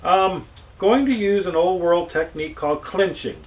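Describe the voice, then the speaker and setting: Man, casual rambling vlog chat, exasperated, a bit high-pitched, distant mic, faint background noise. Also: normal speed. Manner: exasperated, ranting, swears casually. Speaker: woodworking channel host. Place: small workshop with wood burner, rain on roof.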